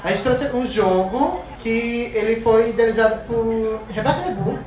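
A woman's voice: on the high side, normal speed, darkish tone, distant mic. A woman co-hosting a live podcast, affectionate and hyping up guests from the audience. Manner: affectionate, calls people "amor", hypes guests. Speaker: podcast co-host. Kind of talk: casual live podcast chat. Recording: roomy live recording from off-mic, audience noise.

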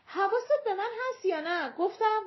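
A woman voicing a wry, teasing adult woman who talks in a lively, casual way. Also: sits high, dull audio, voice pushed up.

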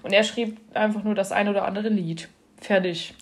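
A woman's voice: mid-range voice, normal speed, slight background noise. A young woman co-hosting a podcast, chatting casually and telling stories with lots of giggles. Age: young adult. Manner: giggly, animated storytelling. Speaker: podcast co-host.

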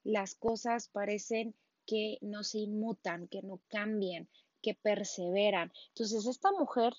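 A woman preaches in an easy, conversational way, often tossing in little tag questions. Her voice sits at an ordinary middle pitch. The recording is dry and a little muffled. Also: fairly even intonation, slow, a little mellow, no room sound. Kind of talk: casual sermon.

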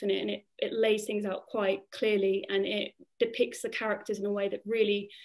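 A woman talking casually in a group discussion, slightly hesitant and repeating words. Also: mid-range voice.

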